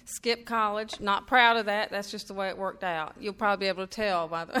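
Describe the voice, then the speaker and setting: Speaking before a live audience at an event room reading, a middle-aged author from North Carolina jokes about herself in a chatty way, her Southern accent clear. She talks fairly quickly at medium pitch, with fairly even intonation and a clean, fairly bright tone.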